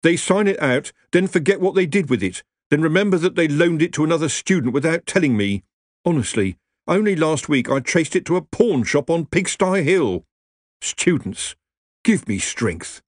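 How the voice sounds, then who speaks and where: A man's voice: fairly high pitch, expressive, normal speed, no room sound, studio quality, pitched above the performer's own voice. A man voicing an anxious, whiny, put-upon middle-aged wizard.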